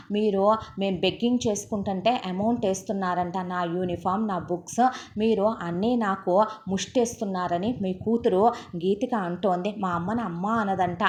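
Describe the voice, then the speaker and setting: A woman's voice: medium pitch, darkish tone, close to an everyday voice. A woman voicing a teenage schoolboy who angrily lectures his stepfather, in a storytelling narration. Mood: indignant. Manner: indignant, lecturing, rapid reproach.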